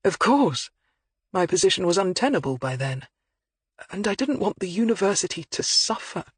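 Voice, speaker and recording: A reader doing a wavering older academic. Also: male voice, high voice, big pitch swings, normal speed, slightly rough, no echo, exaggerated voice. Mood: pained, defensive. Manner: wavering, hesitant, apologetic. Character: older male academic, emotional and defensive.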